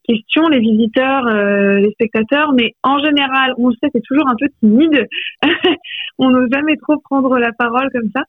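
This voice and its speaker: Author guest on a phone call, heard through a thin landline, close and dry, thoughtful and searching in delivery. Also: female voice, on the high side, no echo. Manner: reflective, searching for words. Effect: heard over a landline phone line. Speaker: author interviewed about her poetry. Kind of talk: radio interview by phone. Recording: tinny, dry phone line.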